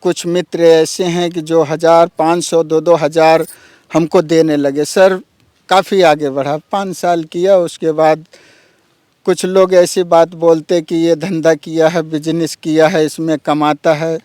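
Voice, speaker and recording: A man's voice: a little high, level tone, unhurried, darkish tone, clear, resonant tone, no room sound. A man telling his own story earnestly, often addressing the interviewer as sir. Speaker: interviewee, village YouTuber. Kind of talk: emotional personal account.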